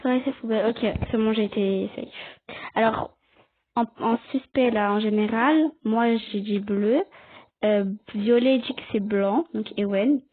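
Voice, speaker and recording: Brief: chatty woman streaming a game, explaining rules and bickering with teammates, recorded on a tinny low-grade mic. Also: fairly even intonation, a little slow. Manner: chatty, explains rules to viewers, talks back to other players. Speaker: gaming video creator. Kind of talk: casual Let's Play commentary. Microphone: cheap headset or desk mic.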